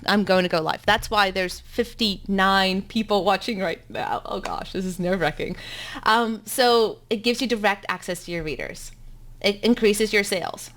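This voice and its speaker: Teaching bloggers over a live webinar from her home, a chatty, upbeat South African woman in her thirties uses plenty of ums. Afrikaans is her first language and she has a South African accent; her voice is medium in pitch and fairly bright.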